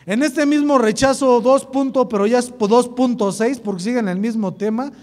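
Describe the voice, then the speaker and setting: A man jokes his way through a youth sermon in casual slang. His voice is very high, and a long hall reverb trails behind it. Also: normal speed. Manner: lively, joking, slangy. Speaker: youth group speaker.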